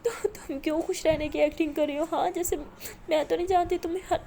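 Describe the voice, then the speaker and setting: Brief: desperate pleading young woman in love, tearful and insistent, high and gravelly, read by a woman narrator. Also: fairly even intonation, a little hiss or hum. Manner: tearful, begging, repeating please.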